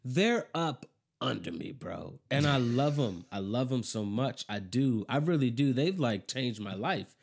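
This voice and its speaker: A man's voice: medium pitch, lively intonation, unhurried, gravelly. A man chatting casually about his kids, talking loosely with lots of slang, and acting out how he scolds them. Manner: casual slang, says bro often. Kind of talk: casual chat.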